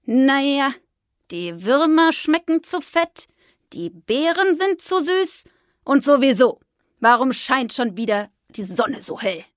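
A woman voicing a grumpy male magpie in a children's story, speaking slowly and grumbling. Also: high-pitched, very animated, dry recording, studio quality, voice pushed up, full character voice. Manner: slow, grumbling, sour.

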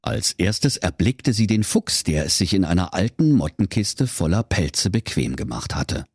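Brief: husky male storyteller, lower voice, playful and animated. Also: moderate pace, no echo, clean studio sound. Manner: playful, expressive. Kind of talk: comic storybook narration.

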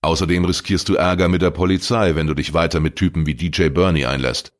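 A calm adult detective, read by a man in an audio crime story. He questions firmly in a very deep voice, without raising it. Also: fast talker, natural voice. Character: adult male private detective, calm and firm.

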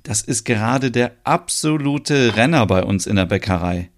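A man's voice: mid-range voice, lively intonation, moderate pace, natural voice. Finn, an easygoing young baker, read by a man. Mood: friendly. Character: friendly young baker, eager to please.

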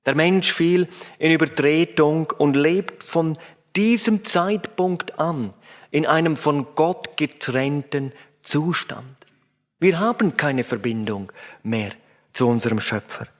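A man's voice: fairly high pitch, takes it slowly. A man preaching a sermon in an emphatic way, addressing his listeners directly.

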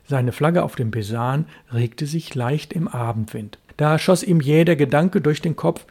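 A man reading a classic story aloud as narrator of a literature podcast, in a measured storytelling manner. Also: medium pitch, vocal fry, warm tone, breathy edge.

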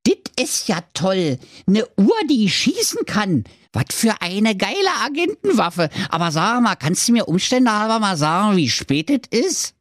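A squeaky Berlin dwarf. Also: male voice, measured pace, dry recording, studio quality, exaggerated voice. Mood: excited. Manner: brash, excited, slangy. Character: cheeky male dwarf with a Berlin twang.

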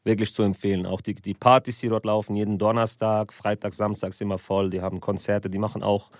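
A man's voice: fairly low pitch, level tone, fast, no echo, studio quality. Chatty man hosting. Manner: laughs often, loose and chatty. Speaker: podcast host. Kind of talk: casual podcast chat. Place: indoor studio room.

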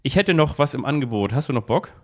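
A man's voice: medium pitch, lively intonation, fast. A man hosting a football podcast, posing quiz riddles in the first person as if he were each player, recorded on a phone held close to a device. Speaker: podcast host. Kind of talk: casual football quiz chat.

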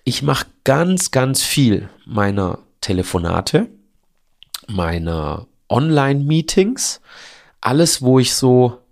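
A man's voice: on the low side, vocal fry, darkish tone. A man in his early forties with a cold, speaking in a nasal, honking, congested voice as he hosts a casual, chatty, self-deprecating solo podcast. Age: early 40s. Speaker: podcast host.

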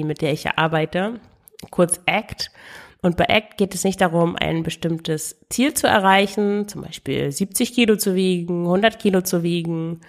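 A woman speaks alone on a podcast in a somewhat low voice. She explains things calmly and addresses the listener directly. She often breaks off and restarts her phrases. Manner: frequent self-corrections and restarts. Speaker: podcast host and weight coach. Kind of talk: solo podcast monologue.

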